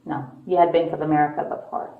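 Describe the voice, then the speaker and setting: A woman police officer questioning a suspect in a measured, persistent, probing way. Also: low voice, little pitch movement, narrow, tinny audio. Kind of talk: interrogation, calm questioning. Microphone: police bodycam. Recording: echoey, distant body camera audio with noise.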